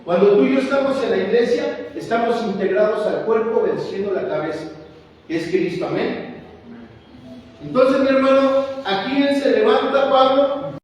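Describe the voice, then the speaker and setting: This sermon comes from a man with an extremely high, expressive voice and a darkish tone, speaking at normal speed in a church hall. He is fervent, repeats phrases, and keeps crying out "my brother." A little hiss or hum sits under the echoey, far-off recording.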